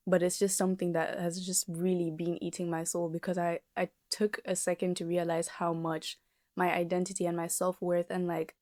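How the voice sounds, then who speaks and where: A woman's voice: on the low side, darkish tone, no echo, studio quality. A twenty-year-old woman hosting a solo podcast, talking through her thoughts in a rambling, reflective way with lots of fillers. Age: 20s. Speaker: podcast host. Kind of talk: casual solo podcast monologue.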